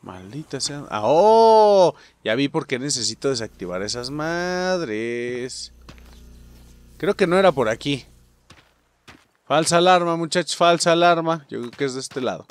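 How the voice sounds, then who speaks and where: A man with a Mexican accent commenting on a game he is playing, cursing constantly and shouting at enemies. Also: fairly high pitch, measured pace, clean tone. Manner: profane, excitable, shouts at enemies. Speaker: gaming channel host. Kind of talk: let's play commentary.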